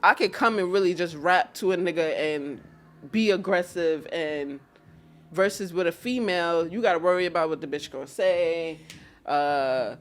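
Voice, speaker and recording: Soft music plays behind a young New York woman with a lowish voice speaking at normal speed. As a guest battle rapper in a casual interview, she talks about her start in a relaxed, slangy way, repeatedly saying "you feel what I'm saying."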